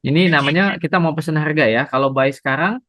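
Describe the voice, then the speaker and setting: Seorang pria membawakan pelajaran trading daring secara langsung, sabar menjelaskan dan menyapa pendengar dengan "Bapak Ibu". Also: male voice, a little high, fast talker, a bit bright, a little hiss or hum, low-quality recording. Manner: patient, addresses audience as Bapak Ibu. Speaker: trading instructor. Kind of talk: live online trading lesson.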